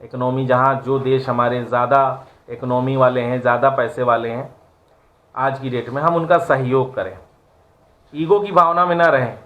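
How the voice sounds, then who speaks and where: A man gives a moral lecture for an online class, in a medium-pitched voice. He talks earnestly and preachily, and keeps asking his listeners rhetorical questions. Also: fairly even intonation, moderate pace, lo-fi sound.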